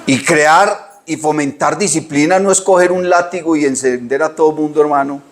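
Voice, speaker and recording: Animated preacher man. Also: moderate pace. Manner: lively storytelling preacher, pitch leaps when quoting people. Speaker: pastor. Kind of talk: sermon.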